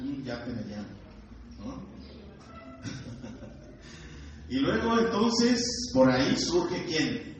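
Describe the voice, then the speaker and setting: A man's voice: medium pitch, slight background noise. A man preaching a sermon, firing rhetorical questions at the congregation and acting out screams. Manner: animated, acts out screams. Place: church hall. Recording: very echoey, distant, dull hall recording.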